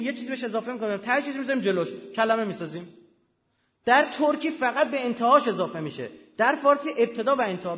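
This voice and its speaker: A man lecturing to a live audience, emphatic and often checking that listeners follow with short questions. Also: very high-pitched. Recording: dull lo-fi sound with long hall reverb.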